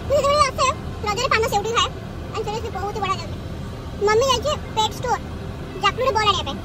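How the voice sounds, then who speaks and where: A young woman vlogger chatting casually and quickly while her mouth is full of paan, filmed on a handheld phone outdoors on a city street. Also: very high-pitched. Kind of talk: casual vlog chat. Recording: loud music and crowd noise behind. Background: loud music, crowd and traffic.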